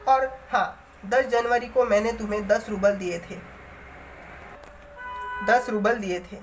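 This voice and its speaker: A woman's voice: medium pitch, fairly even intonation, slow, faint music behind, natural voice. A woman reading the part of a stern middle-aged male employer who scolds, then lectures, in a storybook-style reading.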